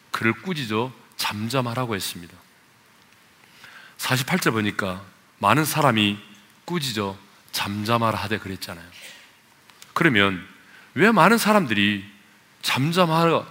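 A male pastor preaching a sermon with passion, climbing to loud appeals, then dropping to quiet asides and questions for the congregation. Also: on the low side. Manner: asks the congregation questions and leads them in reading.

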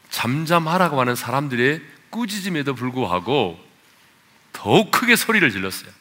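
A male pastor preaching a sermon with passion, climbing to loud appeals, then dropping to quiet asides and questions for the congregation. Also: medium pitch. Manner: asks the congregation questions and leads them in reading.

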